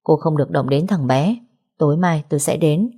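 A woman's voice: deep voice, moderate pace, warm tone, breathy edge. A woman voicing a firm, protective young man in a story, speaking with restraint. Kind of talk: audiobook character reading.

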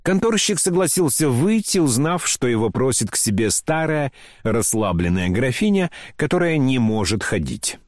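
A man's voice: mid-range voice, big pitch swings, moderate pace, no echo, clean studio sound. A man narrating a classic novel as an audiobook, telling the story with dramatic expression.

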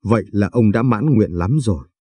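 Low husky male storyteller. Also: no echo. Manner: calm, measured storytelling. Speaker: narrator. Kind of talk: late-night audio story reading.

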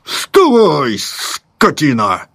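A man doing gruff shouting soldiers. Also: a little high, huge pitch swings, drawn-out words, a little hiss or hum, voice pushed up, full character voice. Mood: barking. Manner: barking, gruff, yelled orders. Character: rough shouting male soldiers at a post station.

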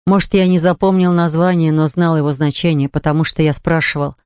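A man's voice: on the high side, level tone, fairly quick, a little mellow, clear, resonant tone, no echo, clean studio sound. A man narrating an audiobook in the first person, reading evenly and voicing dialogue plainly. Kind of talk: scripted narration.

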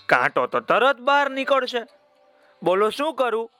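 A man's voice: very high-pitched, big pitch swings, a little slow, pushed and bright, no echo, faint music behind, voice pushed up, exaggerated voice. A man voicing an eager male bumblebee offering to help.

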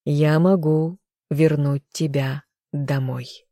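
A solemn female goddess speaks slowly and with command, as a reader puts her on. Her delivery stays even, and the tone is dark and mellow. The sound is dry and close. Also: mid-range voice, no room sound. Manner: slow, measured and commanding. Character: stern, solemn female goddess granting fates.

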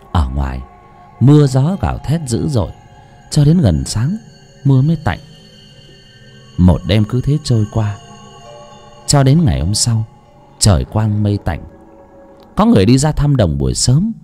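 A man reading a story aloud as an audiobook narrator, in an expressive, dramatic way. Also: medium pitch.

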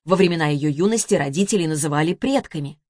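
Женщина размеренно и выразительно читает аудиокнигу. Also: female voice, low voice, quick pace, darkish tone, dry recording, clean studio sound. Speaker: audiobook narrator. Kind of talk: scripted narration.

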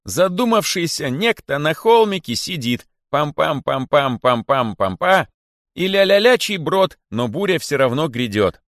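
A man voicing an excitable, gossipy female monkey who shouts and chatters in an audiobook. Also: on the high side, a little slow, no echo, studio quality, pitched above the performer's own voice. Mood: eager storytelling. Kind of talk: audiobook character voice.

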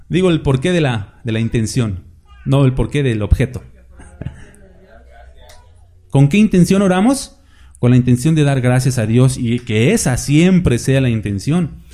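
Preacher, mellow conversational sermon. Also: male voice, a little high. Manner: conversational preaching with frequent rhetorical questions; mimics hypocrites in mocking asides.

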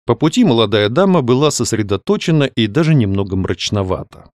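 A man narrating an audiobook in a measured, storytelling way. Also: mid-range voice, sing-song, a little mellow, dry recording, clean studio sound. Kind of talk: scripted narration.

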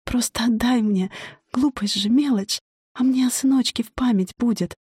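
A woman voicing a quiet, motherly female forest guardian spirit who speaks low and softly in a storybook reading. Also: moderate pace, husky, no room sound, studio quality. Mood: hushed.

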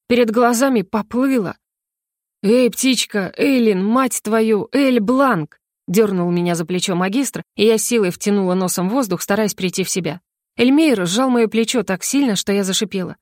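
A woman reading a first-person fantasy audiobook in a lively, expressive manner. Her voice sits at a middling pitch and is recorded close and dry, with no room sound. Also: fairly quick, no room sound. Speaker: audiobook narrator.

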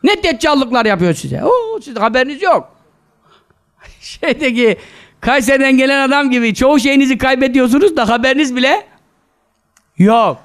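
A male preacher with a very high voice that leaps up and down, scolding his listeners and firing rhetorical questions at them. He works quoted Arabic scripture into his talk. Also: animated, normal speed, pauses often, fairly bright tone. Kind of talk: sermon to a live gathering.

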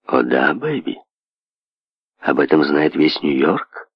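A man reading an audiobook, dropping his voice low and hushed to play an indulgent, evasive rich tycoon who placates his daughter. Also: sing-song, slow, gravelly, husky, no echo, exaggerated voice. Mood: placating. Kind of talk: audiobook character voice. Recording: dull lo-fi audio.

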